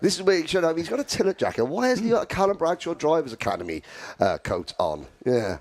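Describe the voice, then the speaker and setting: A man's voice: a little high, fast. A man with a British accent co-commentating at a karting event, jokey, pointing out people in the paddock. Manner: jokey, lively paddock gossip.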